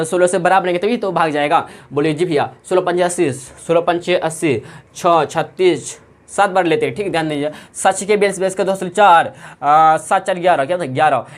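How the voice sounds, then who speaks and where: A woman math teacher with a Bihari Hindi accent, working through sums in a classroom lesson and answering her own repeated questions. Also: lowish voice. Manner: asks questions and answers them herself, repeats every step.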